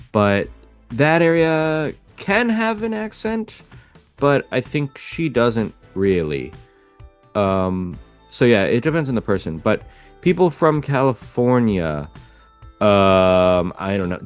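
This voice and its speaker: Deep-voiced slow-speaking man. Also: clear, resonant tone. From United States. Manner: relaxed, thoughtful, hedging. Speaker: native English-speaking conversation partner. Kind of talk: casual conversation.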